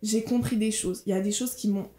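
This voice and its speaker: A woman in her twenties from France and Gabon, with a French accent with touches of Marseille and Gabon, talking straight to her viewers in a casual personal vlog. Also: medium pitch. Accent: French, mixed Marseille and Gabonese touches. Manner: fast, lively, chatty, addresses viewers directly. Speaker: vlogger. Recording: roomy room echo, faint music.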